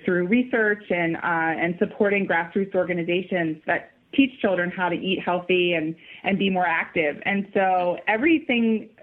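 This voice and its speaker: A woman's voice: fairly low pitch, moderate pace, hardly any pauses. Woman, radio guest, upbeat, explaining from notes, tinny phone line. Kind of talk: phone interview.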